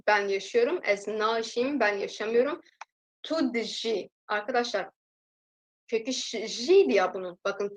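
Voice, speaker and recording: A young adult woman giving a recorded language lesson, patiently explaining grammar and repeating example sentences slowly. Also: medium pitch, poor audio. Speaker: language teacher.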